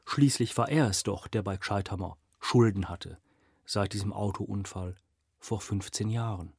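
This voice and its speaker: A man reading a crime novel aloud as narrator, with measured storytelling and dramatic emphasis. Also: lowish voice, a little mellow, breathy edge, dry recording, clean studio sound.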